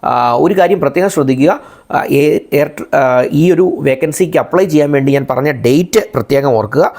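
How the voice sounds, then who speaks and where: This video channel host, a man from India with a Malayalam-accented English, has a somewhat high, slightly mellow voice and a moderate pace. In his informational explainer for viewers, he restates key points and puts them another way.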